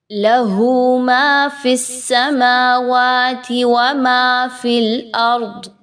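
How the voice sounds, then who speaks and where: A woman giving a Quran tajweed lesson, patiently explaining pronunciation rules and then reciting words slowly and drawn out as examples. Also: mid-range voice.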